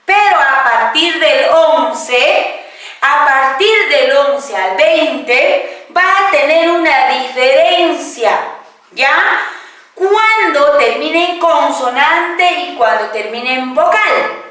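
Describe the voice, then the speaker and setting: Slow-speaking woman teaching in an echoey room. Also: high-pitched, expressive, pushed and bright, far from the mic. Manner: patient, asks and answers her own questions, draws out numbers slowly. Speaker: Quechua teacher. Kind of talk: classroom-style language lesson, question and answer.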